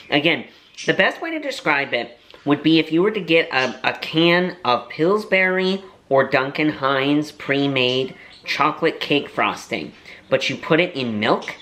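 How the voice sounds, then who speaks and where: A man's voice: mid-range voice, pushed and bright. A young man and voiceover artist chatting casually to camera in a food-tasting vlog. He rambles and cracks playful self-mocking jokes. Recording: roomy echo.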